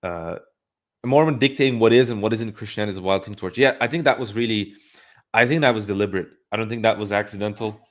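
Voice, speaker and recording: A man's voice: on the low side, fast talker. A man hosting a livestream, giving blunt, opinionated commentary and thinking aloud with frequent restarts. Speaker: livestream host.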